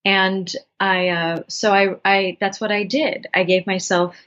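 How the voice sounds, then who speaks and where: This interview guest, a writer and actress from Bangladesh in her thirties, speaks at medium pitch with little pitch movement, a measured pace and a slightly bright tone. She sounds thoughtful and earnest in reflective talk, frequently starting over, and the recording is dull and lo-fi.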